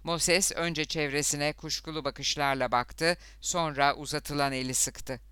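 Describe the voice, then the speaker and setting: A man narrating an audiobook in a steady, even storytelling manner. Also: a little high, unhurried, clear, resonant tone, no room sound.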